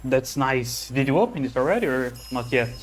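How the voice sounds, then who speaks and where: A man's voice: medium pitch, sing-song, fast talker, slight background noise. A man streaming a game, chatting casually and reading the story aloud, rambling and correcting himself, speaking into a phone held close. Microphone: phone held close to the mouth.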